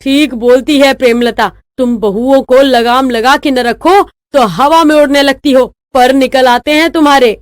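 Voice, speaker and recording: Woman as bossy cartoon mother-in-law, high voice, nags and scolds, close dry mic. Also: expressive, a little slow, no room sound. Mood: scolding. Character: scheming middle-aged mother-in-law, sharp-tongued. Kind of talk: animated storybook voice acting.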